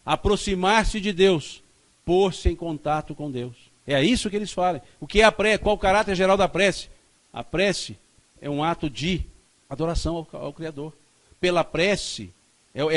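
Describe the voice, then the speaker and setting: A man's voice: high voice, a bit bright. A man from Minas Gerais giving a spiritist lecture, emphatic and fond of repeating key phrases. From Minas Gerais, Brazil. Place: spiritist center lecture hall.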